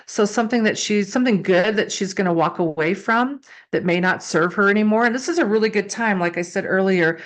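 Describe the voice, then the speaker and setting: A woman giving a casual, improvised tarot reading, speaking conversationally and repeating phrases for emphasis. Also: fairly low pitch. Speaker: tarot card reader and psychic.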